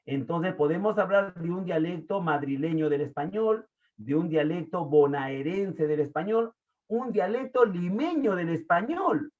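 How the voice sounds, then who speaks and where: A male teacher from Lima, Peru, gives an online class in Lima Peruvian Spanish, his voice a little high and somewhat dark, his intonation lively and his pace unhurried. He chats easily, puts questions to the class, and uses plenty of fillers. The audio is thin and tinny, like a phone line.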